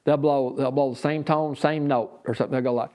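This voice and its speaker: A man with a Southern US accent explains his craft as an instructor would in an informal lesson. His voice sits at a middle pitch, and he talks in a folksy, rambling, unscripted way. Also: steady tone, a little fast, dark tone. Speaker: duck calling instructor and champion.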